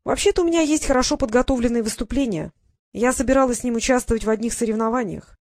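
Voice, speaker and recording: A woman's voice: a little high, quick pace, darkish tone, no room sound, voice pushed up, close to an everyday voice. Embarrassed teenage girl, read by a woman, hesitant, storybook. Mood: eager. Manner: mumbling, hesitant.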